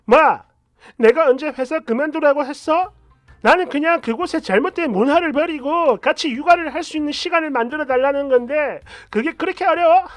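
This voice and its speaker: A man voicing an indignant young wife in a retold story, sharp and accusing. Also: very high-pitched, wildly swooping pitch, measured pace, few pauses, no room sound, faint music behind, full character voice.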